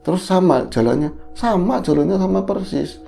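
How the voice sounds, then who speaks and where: A man co-hosting a horror podcast, retelling a driver's eerie experience in a casual, animated way. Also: normal speed, creaky, soft background music. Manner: animated retelling, jumps up in pitch for quoted speech. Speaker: podcast co-host telling a story. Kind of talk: casual horror storytelling chat.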